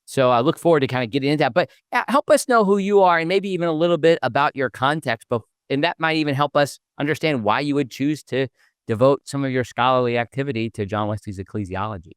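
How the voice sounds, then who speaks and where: A man's voice: mid-range voice, fast, clean tone, no room sound, clean studio sound. A man hosting a podcast interview, talking in an upbeat, promotional way. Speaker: podcast host.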